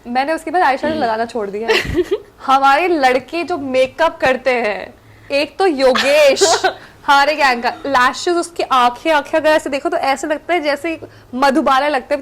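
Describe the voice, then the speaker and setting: A young woman, a guest on a chat show, telling stories in a casual, animated way, mixing in English and laughing often. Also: sits high.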